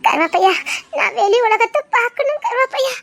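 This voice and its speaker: A woman's voice: extremely high pitch, lively intonation, a little fast, gravelly, fairly bright tone, heavily acted. A young woman with a Tirunelveli Tamil accent, playing a sheltered village girl who is emotional and full of wonder about the outside world. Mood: tearful. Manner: emotional, wistful, gushing with wonder. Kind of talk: web series drama acting.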